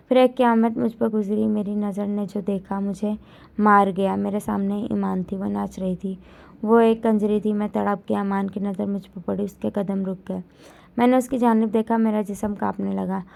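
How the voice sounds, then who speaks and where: A woman's voice: mid-range voice, creaky, darkish tone. A woman narrating a heartfelt first-person story in an emotional storytelling style.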